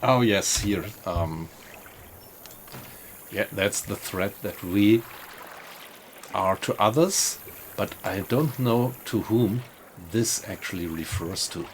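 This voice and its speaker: A man's voice: on the low side, slow, a little hiss or hum. A man giving casual gameplay commentary, musing to himself and asking himself questions as he goes. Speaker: gaming video host.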